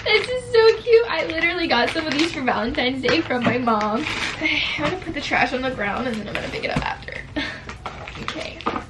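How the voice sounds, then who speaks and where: High-voiced teary young woman gushing. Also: fast. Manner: gushing, tearful, says "like" and "literally" often. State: teary, on the verge of crying. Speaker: vlogger. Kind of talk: emotional unboxing vlog. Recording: distant mic with loud background noise.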